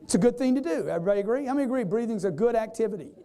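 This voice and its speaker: High-voiced, energetic male sales trainer. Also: racing. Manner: energetic, repetitive, keeps quizzing the crowd; acts out customers in quoted voices. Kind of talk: live seminar talk to an audience. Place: seminar room with a live audience.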